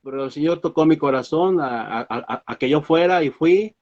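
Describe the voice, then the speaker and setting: Hesitant pastor telling a testimony. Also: male voice, fairly high pitch, a little mellow, highs cut off. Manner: halting storytelling with many fillers and restarts. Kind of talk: sermon testimony.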